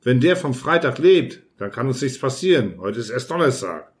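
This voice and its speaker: A man voicing a calm, matter-of-fact man who gives brisk, unbothered answers in an audiobook. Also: mid-range voice, natural voice.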